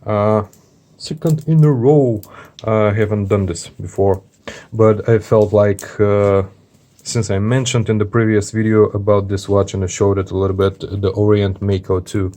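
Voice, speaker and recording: A man with a slightly deep voice talks through a product review off the cuff. His delivery is informal and hesitant, stopping and starting as he looks for the right word. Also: fairly even intonation, dark tone. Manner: halting, hesitant, searching for words. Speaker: watch reviewer. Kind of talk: casual unscripted product review.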